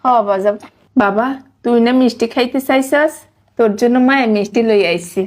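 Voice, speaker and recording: A poor housemaid and mother, acted by a woman, speaking. She talks bluntly and defiantly to her employers but tenderly to her son. Her voice sits high. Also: moderate pace, a little mellow, lightly acted. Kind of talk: social media skit acting.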